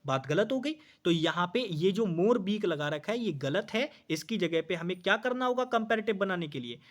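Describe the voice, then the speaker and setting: A man's voice: high voice, lively intonation, normal speed. A man teaching an exam-prep English grammar lesson. He asks questions, answers them himself, repeats key points and calls the students brother.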